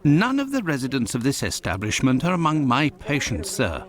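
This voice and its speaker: Doctor Watson, courteous and expressively lilting. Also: male voice, mid-range voice, huge pitch swings, normal speed. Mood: reproving. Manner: polite, formal, inquisitive. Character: courteous, proper Victorian gentleman doctor turned investigator. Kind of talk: video game voice acting.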